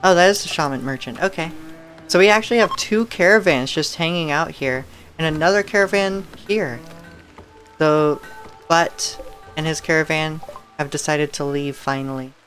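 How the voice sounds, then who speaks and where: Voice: mid-range voice, moderate pace, fairly bright tone, soft background music. A live streamer giving casual gameplay commentary, musing aloud and thinking through each choice.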